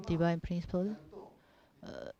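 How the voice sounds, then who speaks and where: Female seminar speaker, Japanese accent, non-native and hesitant, repetitive phrasing, soft dark tone, dull lo-fi recording. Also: fairly low pitch, gravelly. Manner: halting, simple non-native English with repeated phrases. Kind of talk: informal religious teaching talk. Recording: dull, muffled lo-fi audio.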